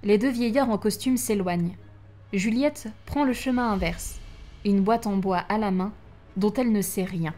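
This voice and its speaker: A woman reading a story aloud, narrating in an expressive way and acting out the lines. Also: medium pitch, normal speed. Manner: expressive, acting out each line.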